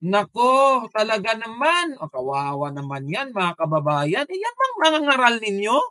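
A woman hosting a live video call, commenting on a clip in an animated way and firing off rhetorical questions. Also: medium pitch, normal speed, no echo, studio quality. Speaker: host of a religious apologetics stream.

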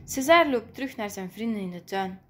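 A woman reading a children's picture book aloud, lively and playful. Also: medium pitch, fairly quick. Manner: lively, playful voices for the characters. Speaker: storybook reader.

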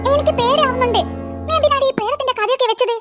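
A woman's voice: very high-pitched, racing, fairly bright tone, soft background music. A woman voicing a timid little girl in a cartoon who is scared of ghosts and keeps whining and calling for her mother. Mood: whiny. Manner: pleading, whining, calls for mother. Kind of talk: cartoon voice acting.

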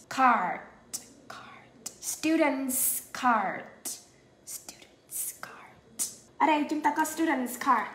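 A woman with a Vietnamese accent teaching English to children, speaking slowly and repeating words so pupils can echo them. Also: high voice, slight background noise. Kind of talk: bilingual lesson for children.

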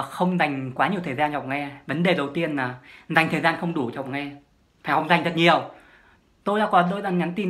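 A woman's voice: sits low, fairly bright tone. A woman, a language-learning vlogger giving a solo advice monologue, emphatic and repeating her key points.

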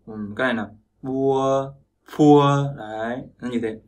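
A man's voice: on the low side, level tone, fast talker, fairly bright tone. Male teacher. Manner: repetitive, keeps checking with listeners. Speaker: language teacher. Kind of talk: explaining pronunciation lesson.

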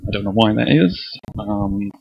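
A man's voice: sits high, sing-song, a little slow, vocal fry, dull audio, slight background noise. A man vlogging in a casual, dryly self-deprecating way, recorded through an earphone used as a microphone, so his voice comes out fuzzy and distorted. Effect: distorted, fuzzy earphone-mic recording.

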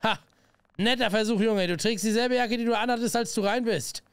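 A man voicing a lazy, grumpy male night guard in a game, with a gruff, dismissive manner. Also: sits high, a little fast, no echo, voice pushed up, natural voice. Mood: mocking.

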